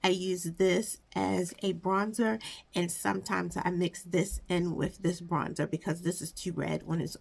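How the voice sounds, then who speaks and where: A woman with a fairly low, slightly rough, somewhat bright voice and vocal fry chats with viewers as a beauty vlogger. Rambling about her makeup stash, she thinks out loud and corrects herself, with background noise audible.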